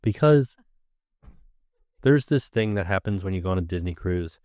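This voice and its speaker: Low-voiced man hosting a podcast. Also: moderate pace, no room sound, clean studio sound. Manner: relaxed, steering the talk with prompts. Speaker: podcast host. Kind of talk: casual chat.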